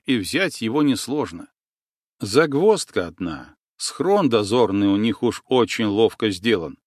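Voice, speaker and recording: A man's voice: mid-range voice, dry recording, clean studio sound, natural voice. A man voicing a bold young female shaman in an audiobook, with a raised, firm, scolding voice. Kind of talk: audiobook character voice.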